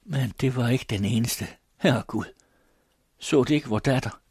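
A man's voice: medium pitch, a little mellow, husky, dry recording, studio quality, pitched above the performer's own voice. A man reading aloud voices an old peasant widow, eager to host a guest and fretful with grief. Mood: grieving. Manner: fussing, eager, tearful. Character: grieving old peasant mother, hospitable and fretful.

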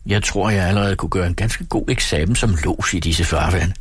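A lively, teasing young gentleman with a husky, low voice, tossing off his lines in a brisk, mocking manner, as a man reads him aloud in an audiobook. The sound is close and dry. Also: no room sound. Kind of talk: audiobook character reading.

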